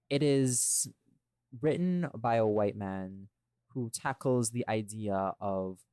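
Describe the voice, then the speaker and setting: In a fairly low, somewhat mellow voice with no echo, a man hosting a casual podcast speaks directly to his listeners. As an audio drama creator, he emphatically explains the creative choices behind his work.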